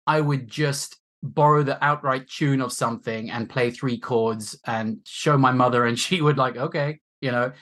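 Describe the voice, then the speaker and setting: A man in his forties from Zimbabwe, a guest on a podcast, talking in a loose, rambling way. He laughs at himself and fills his pauses with ums and restarts. His voice sits at an ordinary middle pitch. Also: fairly even intonation, a bit bright. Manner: rambling and self-deprecating, with many fillers. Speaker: guest musician and marketer. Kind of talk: casual chat.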